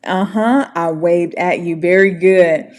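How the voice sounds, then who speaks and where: A fairly low, somewhat mellow voice belongs to a woman from the United States giving an informal online pronunciation lesson. Friendly and encouraging, she takes each word slowly and deliberately.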